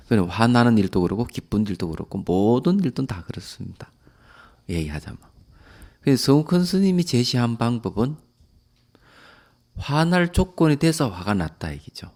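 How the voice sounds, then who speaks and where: A man, a Buddhist monk, giving a calm dharma lecture that often trails off softly at the ends of phrases. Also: lowish voice.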